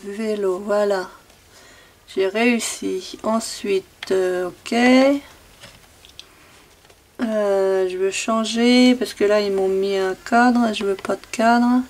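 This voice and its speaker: This woman talks casually while crafting a handmade card, thinking aloud and repeating her phrases in a sing-song manner. A crafting video maker, she speaks slowly in a medium pitch with fairly even intonation and a darkish tone, over a little hiss or hum.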